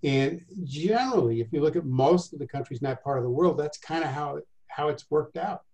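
An older man teaches over a video call, his voice sitting a little high for a man. He is chatty and wry, asking rhetorical questions and tossing in dry asides as he walks through his notes. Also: expressive, brisk, darkish tone, muffled recording. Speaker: instructor. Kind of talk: lifelong learning history lecture over video call.

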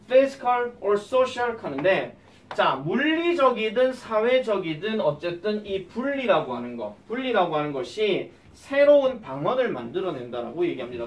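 A male English teacher with a high voice gives an exam-prep lecture, firing quick questions at his students. He sounds roomy and far from the mic.

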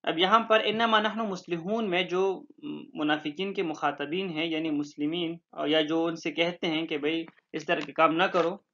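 A man teaching a religious text, explaining it point by point with pauses and fillers, reciting Arabic lines slowly before translating them. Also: fairly high pitch, fairly even intonation, fairly bright tone, dull audio. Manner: explains step by step with fillers and repetitions. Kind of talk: classroom lecture explaining a text.

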